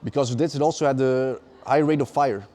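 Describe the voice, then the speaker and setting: A man's voice: medium pitch, fairly quick, dark tone. A man co-hosting, explaining casually and repeating words as he restarts. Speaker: co-host.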